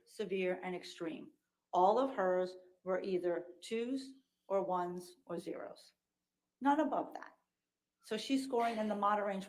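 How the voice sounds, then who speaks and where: A woman's voice: on the low side, low-quality recording. Woman testifying in a courtroom recording. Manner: measured, explanatory, clinical wording. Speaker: expert witness, clinical psychologist. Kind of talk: courtroom testimony under questioning.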